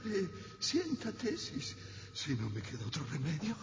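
Un actor que interpreta a un tendero avaro y aterrado que tartamudea y gimotea en un drama cómico teatral. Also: male voice, a little high, huge pitch swings, a little slow, vocal fry, exaggerated voice. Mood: flustered, fearful. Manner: stammering, whimpering, nervous. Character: terrified miserly male shopkeeper, cowardly and flustered. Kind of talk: theatrical comic drama acting. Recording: echoey hall, long reverb, noisy lo-fi.

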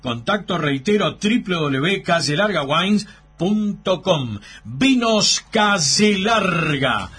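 A man's voice: sits high, expressive, slow pace, fairly bright tone, slightly rough. A man with an Argentine accent reading live radio ads, stressing and repeating the key details. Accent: Argentine Spanish. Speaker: radio co-host and ad reader. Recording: radio broadcast with music bed.

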